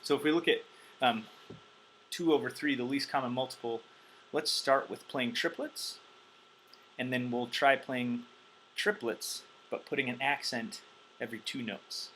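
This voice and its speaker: A man's voice: medium pitch, fairly even intonation, measured pace, pauses often, sharp tone, slight background noise, rough recording. A man teaching drums in a loose, chatty way, counting beats aloud with plenty of ums, wired on caffeine. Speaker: drum teacher. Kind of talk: casual instructional talk.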